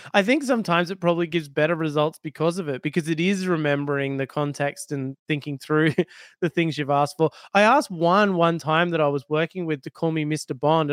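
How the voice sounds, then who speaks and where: A man co-hosting a podcast, talking in an animated, casual way and laughing easily. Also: fairly high pitch, clean tone, no room sound, studio quality. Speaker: podcast co-host. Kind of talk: casual tech chat.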